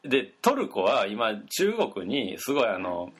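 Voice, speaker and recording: Young man, Kansai accent, husky animated storyteller. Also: lowish voice, measured pace. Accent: Kansai Japanese. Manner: animated storyteller, laughs often. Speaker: storyteller guest. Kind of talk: casual chat.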